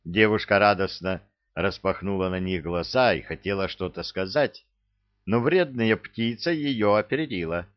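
A man narrating a fantasy audiobook in an even, measured reading. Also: on the low side, no echo, muffled recording. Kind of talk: scripted narration.

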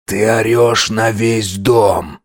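A man voicing a domineering older father in an audiobook, slow, cold and contemptuous. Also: lowish voice, fairly even intonation. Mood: scornful. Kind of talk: audiobook character voice.

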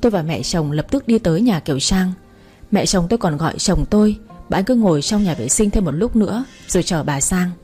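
A woman narrating a first-person family drama story in a steady, calm way. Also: lowish voice, fairly quick, husky, faint music behind.

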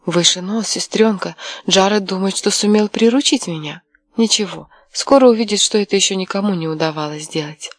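A woman voicing a headstrong, quick-tempered young wife in an audiobook, sharp and mocking. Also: medium pitch, no echo, clean studio sound, natural voice. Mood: resolute. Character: fiery defiant young wife, headstrong and scheming. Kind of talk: audiobook character voice.

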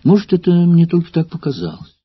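A man's voice: a little high, sing-song, a little fast, slightly rough, no echo, voice pushed up, heavily acted. A man voicing an old, debauched actor who speaks in a guarded, hesitant way, in an audiobook reading. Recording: slightly dull lo-fi recording.

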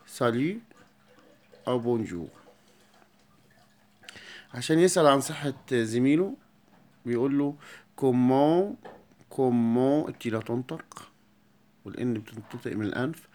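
A man with an Egyptian Arabic accent explaining a beginner lesson, repeating each word slowly and clearly for his pupils. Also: medium pitch, darkish tone. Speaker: French teacher.

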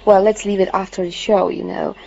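A woman's voice: mid-range voice, level tone, a little fast, creaky, dark tone, dull audio, a little hiss or hum. A woman with a Polish accent co-hosting a podcast in casual chat, joking and laughing at herself. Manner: laughing, joking, self-deprecating. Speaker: podcast co-host.

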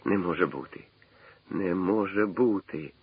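A man's voice: sits low, unhurried, breathy edge, no room sound, full character voice. A man reading the part of an anxious young lieutenant who is shaken and questioning. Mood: frantic. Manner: tense, questioning. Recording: tinny old radio broadcast.

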